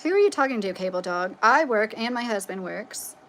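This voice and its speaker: With a medium-pitched, nasal voice that's fairly bright, she sounds animated and brisk, with a little hiss or hum on the recording. She's a Kentucky livestream host reading viewer comments in a casual, rambling, opinionated chat full of "like" and "you know."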